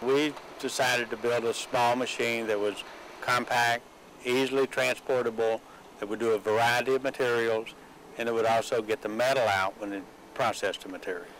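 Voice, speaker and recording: A man's voice: mid-range voice, fairly even intonation, moderate pace, a bit bright, a little hiss or hum, poor audio. A middle-aged man, a business owner answering interview questions outdoors, agreeable and repeating words as he starts. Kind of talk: on-site interview. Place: outdoors at a recycling yard.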